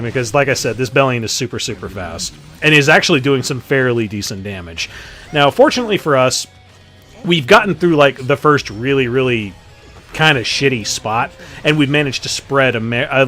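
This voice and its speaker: A man's voice: medium pitch, lively intonation, brisk, a bit bright. A man giving casual, joking commentary over his game matches, swearing freely. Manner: profane, joking, offhand. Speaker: gaming commentator.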